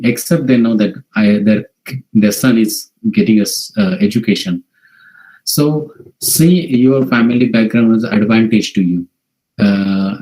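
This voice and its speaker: A man from India, a native Marathi speaker with a Marathi accent, gives an informal online presentation in a halting way, often repeating and rephrasing. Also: lowish voice, warm tone, rough recording. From Maharashtra, India. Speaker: workshop presenter. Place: video call.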